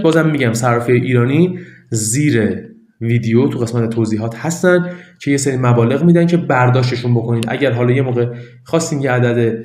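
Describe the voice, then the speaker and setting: An online money-making tutor talks viewers through a website signup in a casual screen-recorded tutorial that is chatty and repetitive. His voice is medium-pitched with a darkish tone, and the sound is roomy.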